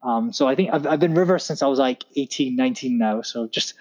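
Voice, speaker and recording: This man in his thirties is a tech founder from Scotland, guesting on a podcast and telling stories in a casual interview. He talks briskly in a mid-range voice with a darkish tone, rambling through plenty of fillers and restarts. Audio quality is poor.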